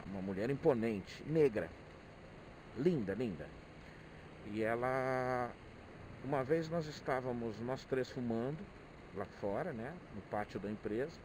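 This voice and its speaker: A middle-aged Brazilian-accented man, a motorcyclist vlogger, muses aloud in a casual, hesitant ramble of personal reflections, often repeating words. His voice sits at medium pitch, with background noise in the recording.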